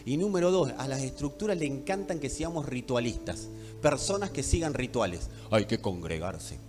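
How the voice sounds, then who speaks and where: A man from Buenos Aires with a Rioplatense accent, preaching a sermon emphatically and addressing the congregation directly, dropping to hushed tones and rising to loud ones. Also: mid-range voice, lively intonation, normal speed. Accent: Rioplatense Spanish. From Buenos Aires, Argentina. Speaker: pastor. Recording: echoey hall with faint music.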